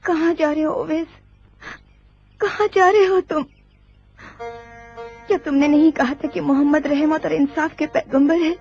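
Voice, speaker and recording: A woman's voice: sits high, fairly even intonation, unhurried, pauses often, darkish tone, dull audio, soft background music. A woman voicing a young woman who pleads with and reproaches a departing man in a dubbed film. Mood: reproachful. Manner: pleading, accusing. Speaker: voice actor in a film dub.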